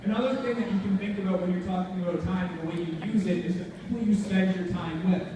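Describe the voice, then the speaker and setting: Speaking fast with fairly even intonation, a young man gives a chatty, informal motivational talk, addressing a live audience directly. His voice is high. The large room is very echoey, the mic is far away, and the recording is noisy.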